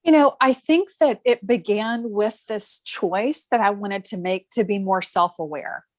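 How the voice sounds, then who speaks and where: A woman guest on a podcast tells her story in a thoughtful, earnest way. Her mid-pitched voice sounds close and dry, with no room around it. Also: unhurried, a little mellow, no echo. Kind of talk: reflective interview storytelling.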